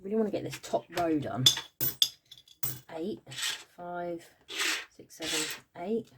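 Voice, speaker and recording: The recording is very noisy as a tired British woman slowly counts money aloud in her casual cash-stuffing vlog, yawning and saying "um" often. Her voice is on the low side but animated.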